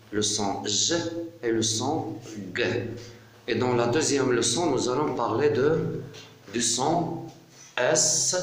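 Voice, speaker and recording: Slow, patient male teacher, echoey room. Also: medium pitch. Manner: slow, syllable-by-syllable, repeats words. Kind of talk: French pronunciation lesson. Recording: echoey room, faint noise.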